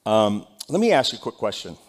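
A man's voice: on the low side, big pitch swings, brisk. A man, a pastor, giving church announcements and interviewing a guest in a loose, conversational way with many fillers and restarts. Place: church sanctuary.

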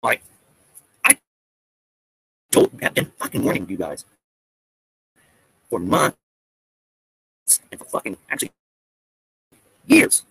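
A man's voice: lowish voice, wildly swooping pitch, unhurried, gravelly, long pauses, fairly bright tone, breathy edge, no room sound, rough recording. A man telling a story to his viewers in an agitated, defiant rant, swearing often.

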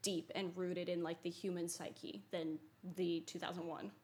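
A woman's voice: on the low side, flat delivery, moderate pace, darkish tone. A woman co-hosting a casual podcast who rambles and goes off on tangents. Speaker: podcast co-host. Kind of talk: casual chat.

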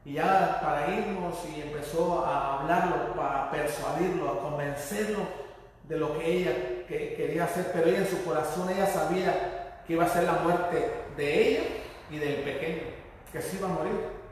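A high-voiced man preaches a sermon, stumbling and repeating words as he tells the story with feeling. His voice booms around a large echoing church hall. He stands far from the mic. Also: normal speed, slight background noise.

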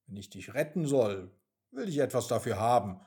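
A man voicing a sly, cunning rat in a children's story, talking low and mockingly. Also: big pitch swings, moderate pace, mellow, slightly rough, exaggerated voice. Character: sly, independent rat, nobody's servant.

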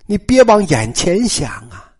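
A man voicing a scornful, sharp-tongued young woman in a spoken story. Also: sits high, big pitch swings, unhurried, a little hiss or hum.

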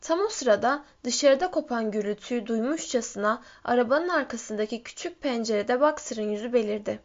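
A woman reads a story aloud in a steady, measured voice that sits somewhat high. The recording sounds dull and lo-fi. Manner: steady storytelling, lifts pitch for shouted quotes. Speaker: audiobook reader. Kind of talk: scripted narration.

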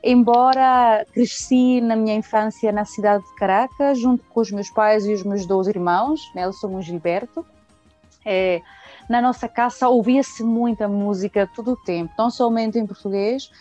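Woman, from Venezuela, singer, interview guest, relaxed, fillers, mellow, lo-fi audio. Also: medium pitch, moderate pace. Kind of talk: casual interview talk. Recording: muffled lo-fi audio with faint music.

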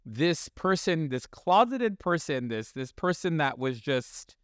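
Man, podcast host, high voice, very animated, candid storyteller, studio sound. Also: slow, no room sound. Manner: candid, storytelling, laughs often, swears freely. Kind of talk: casual podcast chat.

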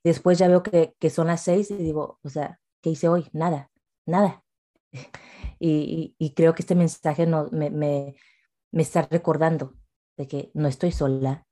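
A woman talking in a casual, reflective way, often pausing and repeating words as she thinks aloud. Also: sits low, steady tone, warm tone. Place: working from home.

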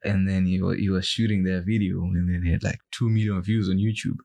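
Animated low-voiced man from Zimbabwe. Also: fairly quick, vocal fry. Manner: animated storyteller, mimics people, laughs often. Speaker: podcast co-host. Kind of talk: casual chat.

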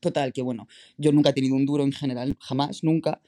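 A man from Madrid, Spain, with a Madrid Spanish accent chats casually as a podcast guest in an interview. He is chatty and full of fillers, and he draws his stories out at length. His voice is medium-pitched and warm with fairly even intonation.

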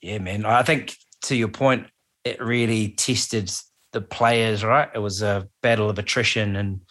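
Male panellist, fairly low pitch, Maori-influenced New Zealand accent, casual sports analysis. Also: fairly even intonation, a little slow, a bit bright. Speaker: podcast panellist. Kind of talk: casual sports commentary chat.

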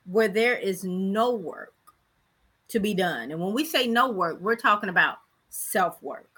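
A woman's voice: medium pitch, animated, unhurried, bright, forceful tone, husky. A woman co-host in casual chat, playful and teasing in her interjections.

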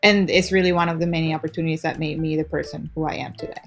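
Reflective woman from Ecuador, low voice. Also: fairly even intonation, rapid-fire, faint music behind. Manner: reflective, with frequent "like" and "right?" tags. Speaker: guest. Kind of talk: conversational interview.

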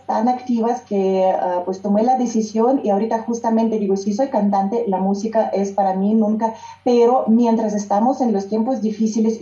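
Interviewed in a room with noticeable echo and dull, lo-fi audio, a singer and music teacher speaks with a Russian accent, Russian being her native language. Her voice is fairly high and warm, and she hesitates, frequently starting over while hunting for words.

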